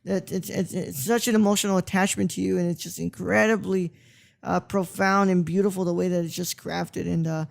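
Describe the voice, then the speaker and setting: A man's voice: sits high, steady tone, brisk, creaky. A man hosting a casual film discussion podcast, rambling and searching for words as he talks. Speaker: podcast host.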